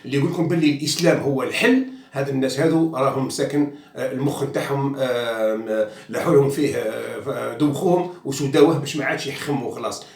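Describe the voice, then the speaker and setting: A man's voice: mid-range voice, quick pace, creaky, a little mellow, recorded from a distance. Algerian man ranting in an echoey room. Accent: Algerian Arabic. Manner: outspoken and mocking, mixing in French, many fillers and restarts. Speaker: journalist commentator. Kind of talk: casual monologue. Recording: echoey room, away from the mic.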